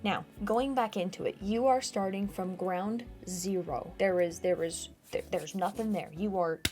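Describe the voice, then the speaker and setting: A woman's voice: mid-range voice, measured pace, over music. A woman hosting her own channel, answering viewer questions in casual chat, laughing often and restarting her sentences. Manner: chatty, laughs often, restarts and repeats herself. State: shivering from cold.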